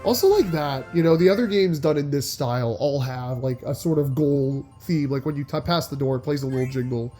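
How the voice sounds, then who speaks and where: With faint music behind him, a young man who runs a gaming channel rambles through casual gameplay commentary, often restarting and saying "like" a lot. His slightly nasal voice is mid-range and mellow, and he talks briskly with few pauses.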